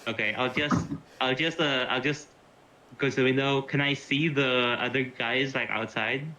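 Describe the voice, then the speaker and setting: A man's voice: mid-range voice, fairly even intonation, moderate pace, bright, forceful tone. A man playing in a tabletop game, talking casually and hesitantly, often restarting and swearing. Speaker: player. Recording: dull lo-fi mic.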